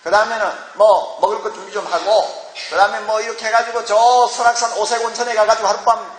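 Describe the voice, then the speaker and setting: A man's voice: high voice, fairly even intonation, quick pace, slight background noise. A man preaching a sermon as pastor, emphatic, with rhetorical questions and exclamations, in a large church hall. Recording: echoey church hall with long reverb.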